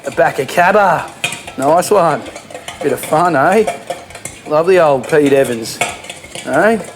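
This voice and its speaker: A man's voice: a little high, lively intonation, takes it slowly, noisy background. An Australian man hosting a comic home cooking show in a laid-back, slangy way, full of fillers, in a kitchen.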